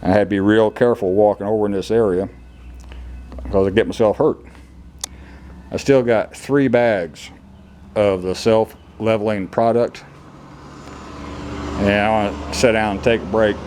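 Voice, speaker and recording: A man's voice: lowish voice, steady tone, measured pace, pauses often, darkish tone. A man on a casual DIY vlog, talking bluntly with plain rural slang while showing off a concrete floor in an old kennel building. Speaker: DIY vlogger.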